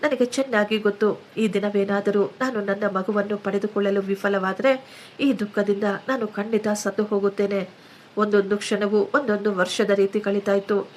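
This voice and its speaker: Woman, story narrator, first-person telling, earnest, emotional, middle pitch. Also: fairly even intonation, moderate pace, slight background noise.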